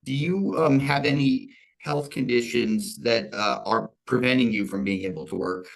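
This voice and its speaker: An American man questioning formally as a state's attorney, halting and hesitant, often repeating his words. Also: mid-range voice, gravelly, clean tone. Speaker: state's attorney in child support case. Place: court hearing over video call.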